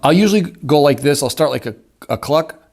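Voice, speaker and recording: A hunting instructor shows off a turkey call at a wooden table, talking fairly quickly in a slightly high, animated male voice. His explanation of the hands-on technique is casual and folksy, like a relaxed instructor. Clear recording, with background noise and the clicking of the call audible.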